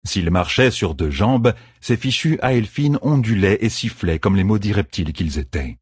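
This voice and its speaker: A man narrating an audiobook chapter in a slow, measured reading. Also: on the low side, expressive, a little mellow, breathy edge, dry recording, clean studio sound. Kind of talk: scripted narration.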